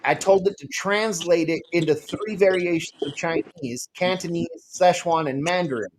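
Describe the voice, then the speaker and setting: Excitable, profane podcast host, a man. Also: fairly high pitch, moderate pace, a little hiss or hum. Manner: profane, excitable, reads out absurd instructions. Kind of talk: casual podcast chat.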